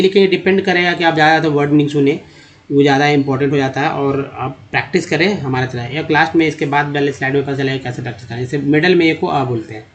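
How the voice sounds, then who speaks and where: A man with a slightly higher voice teaches English reading over lesson slides. He works step by step, pausing to repeat each example word slowly. He speaks to his viewers as friends. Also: highs cut off. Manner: explains step by step, often addressing viewers as friends.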